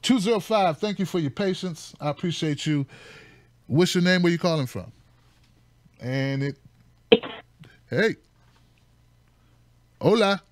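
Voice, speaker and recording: A man's voice: high voice, expressive, a little slow, pauses often, dry recording. A man hosting a call-in show, talking loosely with frequent laughs and friendly banter. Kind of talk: casual talk show hosting.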